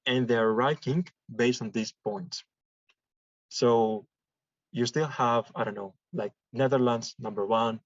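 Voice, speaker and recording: A man from Greece gives a classroom statistics lecture, explaining step by step, slowly, with examples and repetition. His voice is mid-range. The recording is dull and dry, with no echo.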